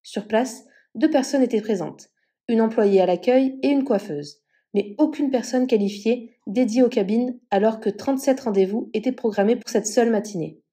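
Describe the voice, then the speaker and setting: A woman narrating a celebrity news story as scripted voice-over, reading an article in an even manner. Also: on the high side, normal speed.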